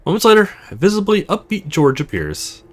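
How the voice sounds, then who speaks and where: With a high voice that swings wildly in pitch, this man speaks fairly quickly while narrating a visual novel for a let's play video. He reads the story out loud and adds offhand comments of his own over soft background guitar.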